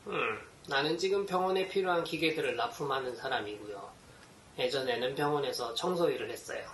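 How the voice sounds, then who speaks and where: A man's voice: mid-range voice, a little fast, fairly bright tone, a little hiss or hum, lightly acted. A man playing a flirtatious Frenchman who supplies hospital equipment and drops French greetings, recorded from a distance in an echoing room. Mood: matter-of-fact. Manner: flirtatious, casual, French exclamations.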